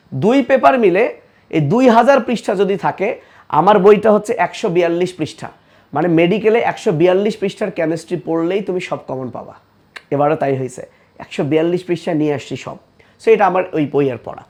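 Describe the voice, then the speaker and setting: Bangladeshi male teacher drilling facts. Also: high voice. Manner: energetic, repetitive drilling of facts. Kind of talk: classroom lecture.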